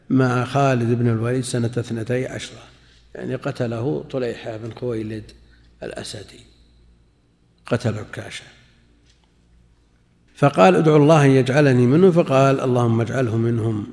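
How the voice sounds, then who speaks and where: Male religious teacher, mid-pitched, measured and repetitive explanation, reverberant hall sound. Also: a little mellow. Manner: measured, repeats phrases while explaining. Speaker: Islamic scholar. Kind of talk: lecture explaining hadith commentary.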